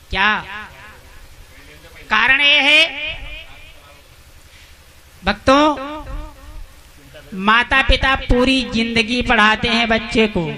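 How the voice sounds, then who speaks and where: A man preaching a devotional sermon in storytelling style, emphatic, repeating his lines and calling out to the devotees. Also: extremely high pitch.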